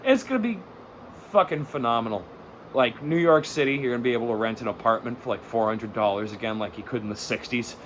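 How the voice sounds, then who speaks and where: A man's voice: medium pitch, fast, slight background noise. A man in his thirties hosting a podcast, ranting in a profane, sardonic, rambling way and laughing at his own jokes. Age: 30s. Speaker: podcast host. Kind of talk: comedic rant.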